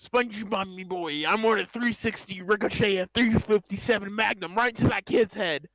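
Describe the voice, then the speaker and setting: Gruff cackling old crab captain played by a man through a pitch-shifting voice changer. High and gravelly. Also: normal speed, fairly bright tone, a little hiss or hum. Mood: joking. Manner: rough cackling laugh, joking impression. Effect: voice changer pitch-shifting his voice. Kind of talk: goofing around doing impressions.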